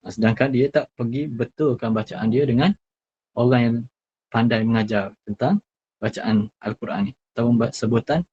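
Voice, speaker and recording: A man's voice: medium pitch, moderate pace, darkish tone, dull audio, slight background noise. A man with a Malaysian Malay accent teaching a religious class, explaining patiently, repeating words to drill pronunciation and checking in with the listeners.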